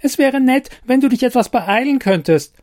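A man doing a squeaky, snippy little fairy woman. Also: expressive, moderate pace, darkish tone. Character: tiny petulant female fairy, impatient and snippy.

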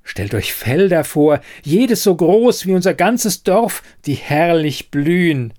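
A man voicing an excitable young village man who insists, eagerly and breathlessly, on what he has seen. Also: fairly high pitch, slow, voice pushed up. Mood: rapturous.

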